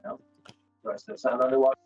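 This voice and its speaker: A man's voice: mid-range voice, completely flat delivery, quick pace, faint music behind. A man whose voice sounds muffled and underwater-like, coming through the wrong mic on a call, giving short puzzled replies in casual chat. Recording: dull lo-fi distant audio.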